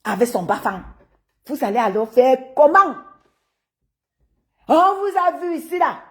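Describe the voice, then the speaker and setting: A woman with a Cameroonian French accent hosts a casual live stream in a high, bright-pitched voice. She talks in an animated, teasing way, laughing often and calling out to her viewers by name. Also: measured pace.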